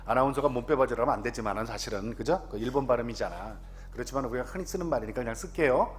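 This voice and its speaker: A man in his fifties, an announcer, giving a lively testimony to a congregation and often asking the audience questions. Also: medium pitch, very fast.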